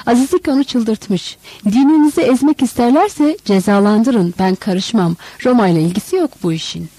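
A woman's voice: a little high, animated, normal speed, mellow, breathy edge, dry recording, voice pushed up. A woman voicing a scornful, amused Roman governor in a storybook reading. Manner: mocking, amused.

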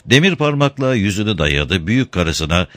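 A man narrating a story aloud in an expressive storytelling manner. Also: fairly low pitch, moderate pace, no room sound. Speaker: reader.

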